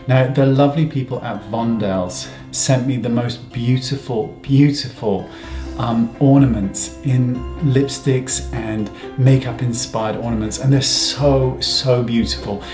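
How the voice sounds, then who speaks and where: A man, chatting wryly and gushing to camera from his home. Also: medium pitch. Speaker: vlogger. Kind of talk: casual chat to camera. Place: home living room, indoors. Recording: roomy echo, faint music behind.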